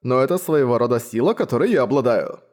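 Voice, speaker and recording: A pompous vampire aristocrat, vain and quick to take offense, read by a man narrating the book. He lectures and excuses himself with lofty indignation. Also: medium pitch, lively intonation, darkish tone, natural voice. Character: vain, cowardly old vampire baron.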